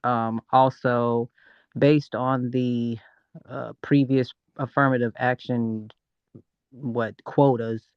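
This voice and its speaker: A man speaking in a measured, hesitant way in an online audio room. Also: mid-range voice, little pitch movement, clean tone, no echo, muffled recording. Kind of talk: casual discussion.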